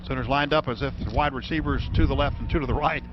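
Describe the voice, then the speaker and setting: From a stadium broadcast booth, a man calls a football game live on the radio, play by play. His medium-pitched voice holds a steady tone at a fast clip, and the recording sounds noisy and dull.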